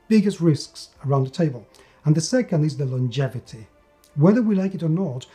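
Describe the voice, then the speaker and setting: A man with a warm voice on the high side hosts a show, delivering an opinionated review to camera. He speaks emphatically and repeats words to drive his points home.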